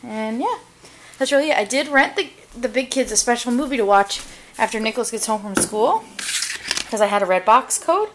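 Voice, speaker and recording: The audio is poor, with a little hiss or hum, as this family vlogger speaks briskly and animatedly in a higher voice. She addresses viewers directly and upbeat on an arm's-length handheld camera, going from a car into a home kitchen and living room.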